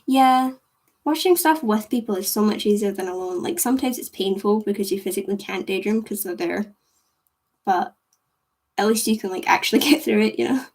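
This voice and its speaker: Chatting casually with her viewers on a livestream, a young woman from Scotland rambles, giggles and fills her speech with "like". Her mid-range voice is a little mellow and a little fast.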